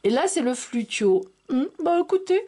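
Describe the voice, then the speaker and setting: A woman's voice: high-pitched, very animated, normal speed, mellow. A woman giving a tarot reading to camera, theatrical and exclamatory, speaking to her viewers as friends. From France. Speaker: tarot reader.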